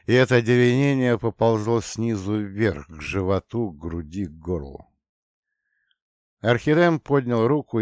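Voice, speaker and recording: Low-voiced male audiobook narrator. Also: a little mellow, no echo, clean studio sound.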